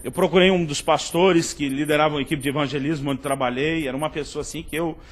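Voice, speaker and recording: A man's voice: a little high, fairly even intonation, quick pace, a little hiss or hum. A Brazilian man with a Brazilian Portuguese accent, preaching a humorous sermon full of stories and asides to his listeners. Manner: jokey, addresses listeners as "querido".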